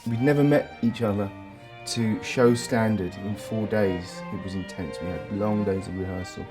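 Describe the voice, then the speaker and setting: A man's voice: on the low side, fairly even intonation, normal speed. A man who plays violin and leads an orchestra, speaking in an interview in a plain, matter-of-fact way. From Zimbabwe and England. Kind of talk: interview talk. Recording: music playing underneath.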